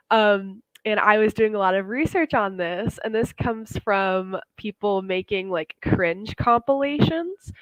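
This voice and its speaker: A woman's voice: mid-range voice, no room sound, poor audio. A young woman teaching slang in an online lesson, in a casual, chatty way full of fillers. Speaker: English teacher.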